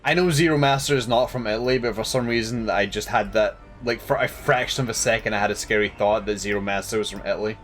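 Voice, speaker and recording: A man's voice: fairly low pitch, fast, hardly any pauses, a bit bright, soft background music. A tired man chatting casually while streaming a game, rambling and laughing at himself. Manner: rambling, laughing, self-deprecating.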